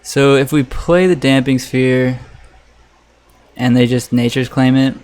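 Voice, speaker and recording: A man's voice: mid-range voice, steady tone, a little slow, a little mellow. A man casually commentating live on a card game as he plays, thinking aloud in a conversational way, with a fan running. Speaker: streamer playing an online card game. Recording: electric fan noise in the background. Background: electric fan running.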